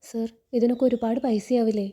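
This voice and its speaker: Woman reading shy young maid, polite, mellow voice. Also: fairly high pitch, flat delivery, fairly quick, close to an everyday voice.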